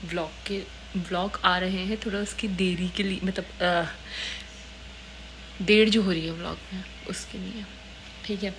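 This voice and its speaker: Chatty Pakistani woman on a flat home tour. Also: lowish voice, unhurried, slight background noise, poor audio. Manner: chatty, affectionate, repeats words like "pyari si". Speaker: vlogger. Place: small apartment, indoors.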